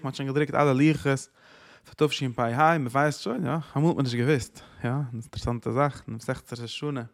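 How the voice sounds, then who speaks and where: A man with a gravelly, creaky voice of middling pitch lectures on Talmudic sources as a Torah teacher. He talks emphatically, pushes rhetorical questions, and swings between loud bursts and quiet asides. He slips English words into his speech.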